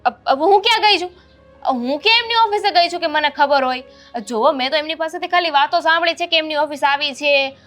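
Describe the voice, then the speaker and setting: A polite young neighbour, played by a woman in a homemade family drama, with a high voice. She hesitates, says "uh" a lot, and reasons patiently. Faint music runs behind her. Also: brisk, fairly bright tone. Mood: reasoning. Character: young woman neighbour, friend of the daughter-in-law. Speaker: neighbour character. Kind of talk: amateur family drama acting.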